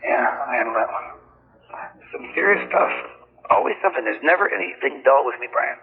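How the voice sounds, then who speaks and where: Gravelly, fast-talking man on an old, muffled phone-call cassette tape; rambling, boastful, swears freely. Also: mid-range voice, lively intonation, crowd noise. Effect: poor-quality old cassette tape of a phone call. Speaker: father on a phone call with his son. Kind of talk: casual phone chat.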